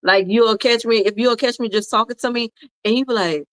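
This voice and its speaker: Woman, Louisiana accent, giggly and animated, fairly high voice, dry sound. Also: fairly quick, no echo. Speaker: guest. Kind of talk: casual chat.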